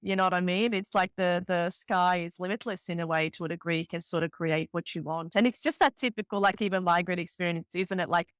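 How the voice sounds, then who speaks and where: A woman's voice: on the low side, brisk, few pauses, dry recording. A woman in her thirties hosting a podcast interview, chatty and enthusiastic, swearing casually. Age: 30s. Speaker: podcast host.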